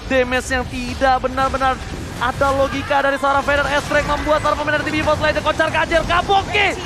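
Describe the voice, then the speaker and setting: A man with an Indonesian accent giving excited, dramatic play-by-play like a fighting game announcer, mixing slangy Indonesian with English phrases. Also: very high-pitched, fast talker, a crowd in the background. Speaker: esports match caster. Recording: noisy broadcast with loud background noise.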